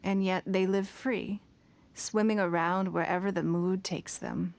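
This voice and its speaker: A woman's voice: lowish voice, fairly even intonation, a little slow, gravelly, a little mellow, no echo. An earnest young businesswoman. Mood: reflective. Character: self-made young businesswoman, fond of fish, picky. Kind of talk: game character dialogue.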